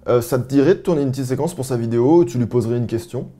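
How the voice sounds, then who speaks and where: A man from France telling anecdotes to the camera in a casual, animated, self-mocking and slangy way. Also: medium pitch, rapid-fire, soft background music. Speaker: vlogger.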